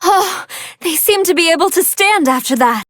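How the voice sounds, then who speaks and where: A woman's voice: extremely high pitch, lively intonation, moderate pace, fairly bright tone, no echo, studio quality. A woman voicing a brainy female android scientist who gives articulate, analytical commentary on battles in a video game. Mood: composed, analytical. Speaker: fight commentator.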